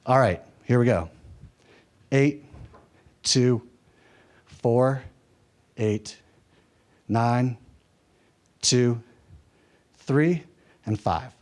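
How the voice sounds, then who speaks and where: A man's voice: mid-range voice, drawn-out words, pauses often. A man from the American South presenting a workshop lecture, conversational and lightly humorous, checking in with his audience. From American South, mountain region. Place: workshop room.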